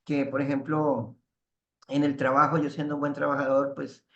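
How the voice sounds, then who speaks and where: A man teaching a spiritual class, halting and restarting, ending phrases with tag questions. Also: medium pitch, level tone, a bit bright, highs cut off. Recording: roomy echo.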